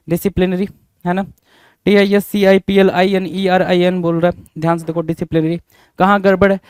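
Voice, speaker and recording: A male teacher spells words aloud letter by letter and keeps asking his students questions, then answers them himself. His voice sits a little high and sounds smooth and crisp, recorded dry and close. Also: a little mellow, no echo. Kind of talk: spelling lesson.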